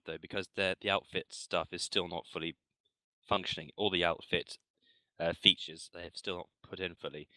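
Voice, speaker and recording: A man reporting as a clan's roster officer in a casual voice-chat meeting, speaking haltingly with frequent restarts, over a headset mic. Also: low voice, sharp tone, dry recording, poor audio.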